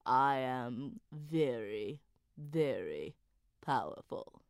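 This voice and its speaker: Woman voicing a deep, slow, heavy stone wall. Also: expressive, no echo, studio quality, heavily acted. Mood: stolid. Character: great solid stone wall, slow and stolid.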